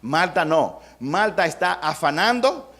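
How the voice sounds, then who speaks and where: A man's voice: a little high, sing-song, unhurried, fairly bright tone. A middle-aged male pastor preaching a sermon in a conversational way, acting out quotes and adding humor.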